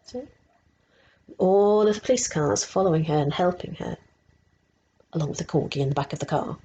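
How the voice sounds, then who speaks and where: The woman is a resident storyteller sharing a picture book with children, explaining things as she goes and questioning the little ones. Her dark voice sits on the low side at a moderate pace, and the recording is muffled with slight background noise.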